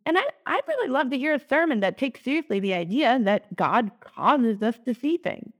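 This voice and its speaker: A woman's voice: a little high, big pitch swings, moderate pace. A woman co-hosting a lectionary podcast, talking in a chatty, teacherly way. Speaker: podcast co-host, Lutheran. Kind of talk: casual lectionary podcast chat.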